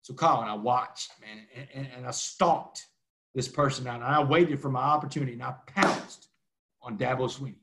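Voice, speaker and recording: A man in his forties from Texas, a motivational speaker telling his story fast as an interview guest, peppering it with "man". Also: mid-range voice, a bit bright. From Texas, USA. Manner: fast talker, keeps saying "man".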